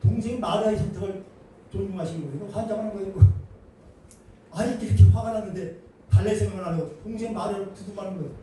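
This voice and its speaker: A male pastor preaching an animated, emphatic sermon with colloquial humor in a church. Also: sits high, fast. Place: church sanctuary. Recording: echoey hall, distant mic, faint noise.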